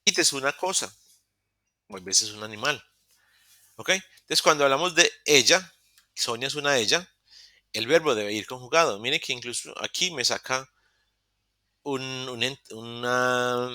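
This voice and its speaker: A man teaching an online beginner English class in Spanish, explaining slowly, checking in with "ok?" and often correcting himself mid-sentence. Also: mid-range voice, expressive, pushed and bright, no room sound. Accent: Latin American Spanish. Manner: patient, explaining step by step with frequent "ok?" checks; self-correcting, restarts mid-word. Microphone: computer mic in a virtual session.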